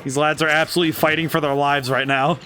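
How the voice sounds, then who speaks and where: A man's voice: fairly high pitch, little pitch movement, quick pace, bright, forceful tone, faint music behind. A young man chatting casually while streaming a game, laughing often and correcting himself as he goes. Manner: chatty, giggly, self-correcting with frequent laughs. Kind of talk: casual live-stream commentary while playing.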